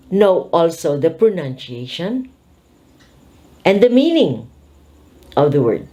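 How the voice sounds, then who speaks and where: Older woman, patient pronunciation teacher, low-ish voice, deliberate over-articulated drilling. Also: mellow.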